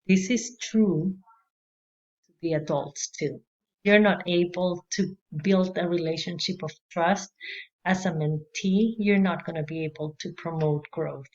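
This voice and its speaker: A woman's voice: on the low side, measured pace. Woman lecturing, lo-fi recording. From Chile. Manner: conversational, warm, with frequent "you know" and light laughs. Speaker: early childhood education instructor.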